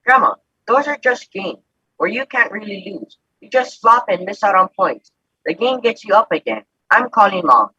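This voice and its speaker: An anxious, protective grandson, played by an actor, with a bright, husky voice that rises and falls a lot as he pleads. The sound is dull and dry, with no room at all around it. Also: sits high, expressive, moderate pace, no echo, heavily acted. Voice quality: urgent, pleading. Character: worried young adult grandson, anxious and protective. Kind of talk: live-streamed stage play.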